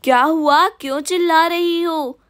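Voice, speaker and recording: A woman's voice: very high voice, steady tone, a little slow, a bit bright, dry recording, studio quality. A woman voicing a grumbling father of the family just woken up. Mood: grumpy.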